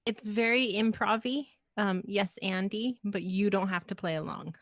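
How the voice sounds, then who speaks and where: A woman's voice: medium pitch, fairly even intonation, normal speed, fairly bright tone, no room sound. Woman chatting as a tabletop player. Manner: polite, explaining rules. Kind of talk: casual tabletop game chat.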